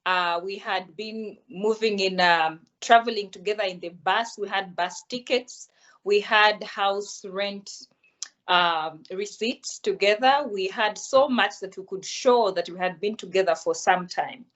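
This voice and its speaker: A young woman, calmly explaining her experiences as an interview guest over a video call. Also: mid-range voice, measured pace, highs cut off. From Uganda. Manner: calm, explanatory. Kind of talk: answering interview questions.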